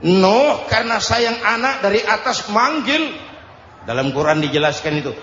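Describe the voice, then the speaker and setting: A man preaching a lively storytelling sermon, acting out characters with dramatic shouted calls. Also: sits high, normal speed, slight background noise. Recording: echoey hall, faint ambience.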